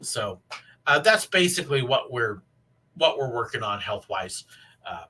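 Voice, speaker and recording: Wheezy, out-of-breath man with a bright, raspy voice. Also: medium pitch, sing-song, measured pace, distant mic. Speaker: live stream host. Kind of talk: casual rambling livestream chat to viewers.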